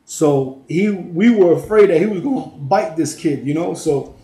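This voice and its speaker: A man's voice: a little high, lively intonation, moderate pace, mellow. Streetwise middle-aged man telling his testimony. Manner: streetwise and casual, full of "you know" and "man". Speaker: former prisoner giving testimony. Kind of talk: personal testimony. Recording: roomy, echoey sound.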